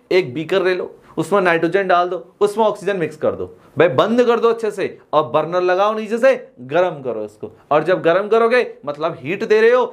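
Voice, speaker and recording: A man teaching a class, calling students "dear children" affectionately, asking questions and answering them himself, and reading definitions slowly. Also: high-pitched. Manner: reads English definitions slowly. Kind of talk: classroom lecture.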